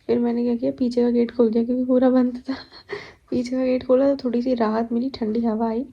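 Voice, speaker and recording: A woman's voice: on the high side, little pitch movement, a little fast, breathy edge, dull audio. Chatty young woman vlogging at home. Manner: chatty, storytelling to viewers. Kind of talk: casual home vlog. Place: at home, kitchen.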